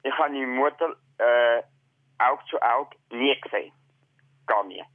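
A man from Switzerland, heard over the phone on a thin, phone-like line. He tells his story plainly, pausing and restarting. The sound is dry, with no room around it. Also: mid-range voice, no room sound. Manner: halting, plain recounting. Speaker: caller.

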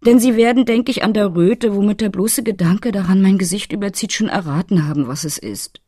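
A woman's voice: medium pitch, a little fast, mellow, dry recording, clean studio sound, voice pushed up, lightly acted. Woman reading as a coy, tipsy fairy. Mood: bashful. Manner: coy, roundabout, fussing. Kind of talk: audiobook reading.

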